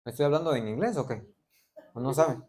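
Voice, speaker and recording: A man's voice: mid-range voice, a little fast, darkish tone. A middle-aged man from Veracruz with a Veracruz Mexican Spanish accent, preaching a sermon and quizzing the congregation with joking asides. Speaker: pastor.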